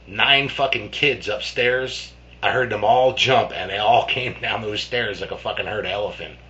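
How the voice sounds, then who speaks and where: A man's voice: lowish voice, pushed and bright. A man casually telling a childhood ghost story in a rambling, profane way, full of restarts and fillers. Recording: dull lo-fi with faint hum.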